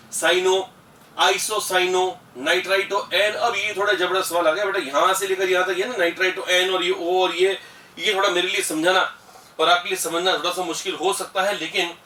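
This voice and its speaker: Guy teaching chemistry, high voice, keeps quizzing the class and repeating stuff, roomy echo, mic off at a distance. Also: sharp tone. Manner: addresses students as "beta", repeats terms, asks and answers own questions. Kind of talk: classroom lecture mixing Hindi and English. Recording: echoey room, far from the mic.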